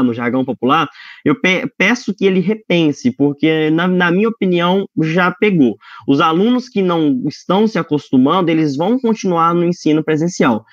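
A man speaking over a low-quality online video call, earnestly urging teachers to adapt. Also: dry recording. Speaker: teacher giving a webinar talk. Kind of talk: earnest webinar advice to teachers. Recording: dull lo-fi dry video-call stream.

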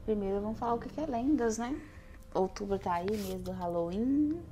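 A Brazilian woman as a podcast guest, talking in relaxed casual chat. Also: medium pitch, normal speed, slight background noise. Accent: Brazilian Portuguese.

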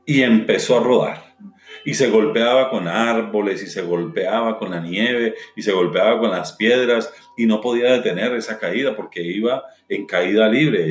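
A man telling a dramatic story with a moral and then urging listeners to act on it. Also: lowish voice. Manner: dramatic, exhorting. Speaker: motivational speaker. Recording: roomy with faint music.

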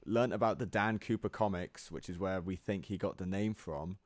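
Low-voiced man in rambling podcast chat. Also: fairly even intonation, normal speed, no echo. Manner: rambling, laughs easily. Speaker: podcast co-host. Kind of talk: casual chat.

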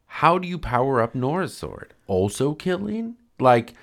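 A man co-hosting a casual recap podcast, swearing often and talking in a sarcastic, animated way. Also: mid-range voice, unhurried, vocal fry. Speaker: podcast co-host.

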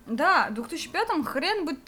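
A young adult woman co-hosting a casual nostalgic chat, rambling with plenty of fillers and quick laughs. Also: sits high, sing-song, sharp tone. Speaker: podcast co-host.

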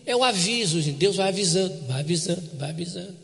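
A man preaching a sermon as pastor, reading scripture slowly and repeating words to drive them home. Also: high voice, lively intonation, gravelly, fairly bright tone. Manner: reads scripture slowly, repeats words, asks the congregation to respond. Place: church broadcast on radio. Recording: long hall reverb.

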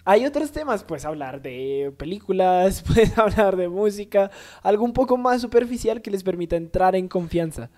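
A woman's voice: mid-range voice, lively intonation, normal speed, darkish tone. A woman co-hosting a podcast, chatting casually and giving dating advice. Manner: chatty, laughs easily, gives advice. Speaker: podcast co-host. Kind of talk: casual chat.

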